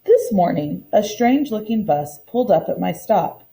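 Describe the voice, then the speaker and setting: A woman teacher reads a storybook aloud expressively, guiding the lesson in an instructive, deliberate way. Her voice is mid-range and creaky.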